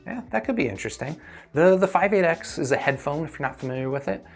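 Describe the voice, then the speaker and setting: Hosting a casual livestream Q&A, a man reviews audio gear and answers viewer questions, explaining in a thoughtful, hedging way. His voice is on the high side, fast and creaky, with lively intonation and faint music behind him.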